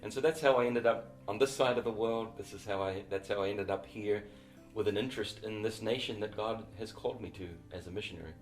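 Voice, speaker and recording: With faint music behind him, a middle-aged New Zealand man who is a missionary and author gives an interview about his story. His lowish voice carries a New Zealand accent, and he speaks reflectively and without hurry, with small restarts.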